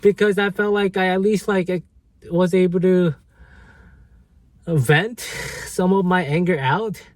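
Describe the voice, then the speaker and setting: A man's voice: sits high, fairly even intonation, a little slow, no room sound. Rambling man telling a work story. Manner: rambling, many fillers and restarts. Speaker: vlogger. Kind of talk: casual storytelling vlog.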